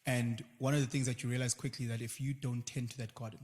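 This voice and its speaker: A South African man talking in a casual conversation as a guest, animated and slipping into quoted voices now and then. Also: medium pitch, fast, long reverb tail.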